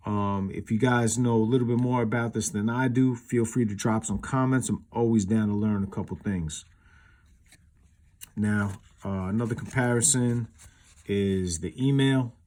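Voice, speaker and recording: A man's voice: on the low side, fairly even intonation, normal speed, darkish tone. A man giving a casual, unscripted comparison as a collector hosting his own video, explaining things in an informal, rambling way. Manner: informal, rambling, explanatory, peppered with you knows.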